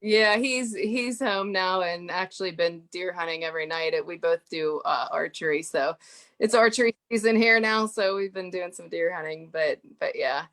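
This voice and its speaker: A woman's voice: lowish voice, moderate pace, fairly bright tone. A woman guest on an interview show, telling stories in a chatty way with many "you know" fillers. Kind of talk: casual podcast interview.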